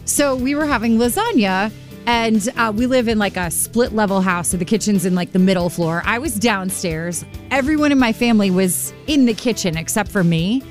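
A middle-aged woman from Long Island, New York, co-hosting a morning radio show, chatty and animated and quick to laugh. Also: mid-range voice, faint music behind.

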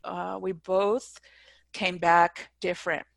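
A woman's voice: lowish voice, flat delivery, slow pace, creaky, no echo. A middle-aged woman, an entrepreneur, telling a personal story as an interview guest, earnest and emphatic, often restarting her sentences.

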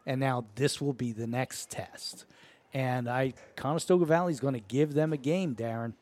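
Man, color commentator, mid-pitched voice, joking, chatty banter. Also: normal speed, a little mellow. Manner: chatty and joking, storytelling asides. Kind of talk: casual broadcast banter.

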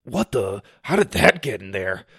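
A man's voice: fairly low pitch, very animated, moderate pace, creaky, fairly bright tone, husky, no room sound, clean studio sound, exaggerated voice. A man voicing a smug, cocky boy hero who drawls teasing taunts. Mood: playing it cool.

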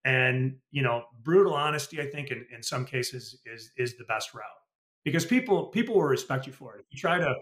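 A man's voice: mid-range voice, animated, a little fast, fairly bright tone. A middle-aged man, a podcast guest and retired sales executive, telling candid work stories in a casual, rambling way. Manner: candid, anecdotal, many restarts and "you know". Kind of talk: casual storytelling interview. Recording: roomy echo.

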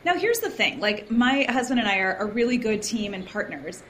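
A woman who is a guest on a podcast, sharing her story in a chatty, animated way with many fillers. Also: on the high side, normal speed, a little hiss or hum. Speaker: podcast guest, founder of a moms community. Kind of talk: casual podcast conversation.

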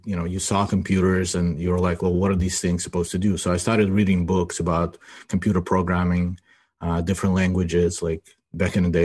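A Ukrainian man in his forties who owns an IT business appears as a guest in a casual podcast interview. His voice is low-pitched with a darkish tone, and he rambles, tacking "you know" and "right?" onto his sentences.

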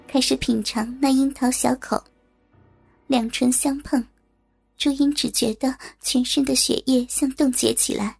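A woman reading a story aloud as narrator, in a steady, even storytelling manner. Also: high-pitched, vocal fry.

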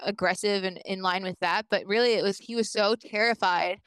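Smooth-voiced woman hosting a podcast. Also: medium pitch, fairly even intonation, moderate pace, a bit bright, dry recording, rough recording. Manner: conversational, with frequent fillers. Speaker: podcast co-host. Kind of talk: casual chat, presenting a researched story.

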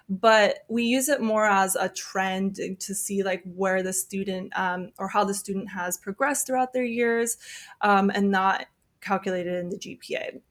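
A woman admissions officer in a podcast interview. She explains things steadily with frequent "um" and "right?", and her voice often trails off softly at the ends of phrases. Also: mid-range voice.

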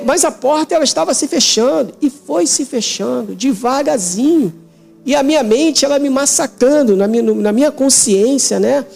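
Male interview guest, testimony of a vision; gravelly, mellow, emotional, repetitive phrasing. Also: very high voice.

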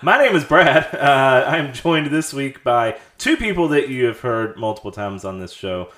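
A man hosts a casual podcast with friends in a very echoey room. His mid-pitched voice bounces off the walls as he chats informally and steers the group. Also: expressive, normal speed, fairly bright tone. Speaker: podcast host. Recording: echoey, roomy sound.

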